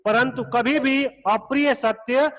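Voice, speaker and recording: A man teaching a Sanskrit class over a video call, explaining slowly and patiently, repeating each point. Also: very high voice, fairly even intonation, crowd noise. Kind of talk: online class lecture. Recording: long echoey reverb.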